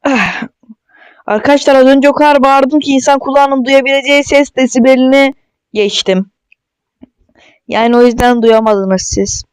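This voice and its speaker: A man giving casual, excitable gameplay commentary, joking and talking straight to his viewers. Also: very high voice, moderate pace, long pauses, clear, resonant tone, no room sound. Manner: chatty and excitable, jokes and talks straight to viewers. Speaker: mobile gaming streamer.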